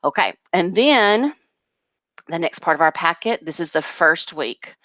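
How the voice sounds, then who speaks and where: Low pitched lady teacher going over worksheets, patient and step by step, dry close sound. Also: expressive, a little slow, fairly bright tone, no echo, muffled recording. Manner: patient, explains step by step to parents. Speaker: kindergarten teacher. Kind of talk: walkthrough of a home learning packet.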